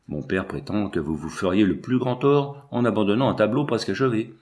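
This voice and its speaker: A man's voice: on the low side, fairly quick, darkish tone, close to an everyday voice. A man reading as a haughty proud young woman. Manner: dry, curt and ironic.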